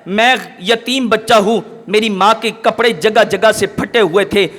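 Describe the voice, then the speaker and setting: A man's voice: high-pitched, a bit bright. A man preacher voicing a young orphan boy who speaks earnestly and pleads. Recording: long hall reverb.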